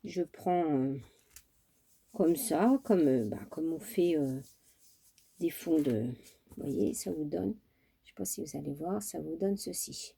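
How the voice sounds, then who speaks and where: A woman's voice: low voice, slow, creaky, pauses often, mellow, breathy edge. A woman chatting casually through a crafting tutorial at her home craft table, homely and talkative, with many fillers. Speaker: craft vlogger.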